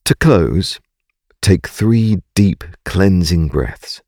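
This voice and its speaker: A man narrating a scripted guided meditation in a calm, gentle, soothing and unhurried way. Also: deep voice, no echo, clean studio sound.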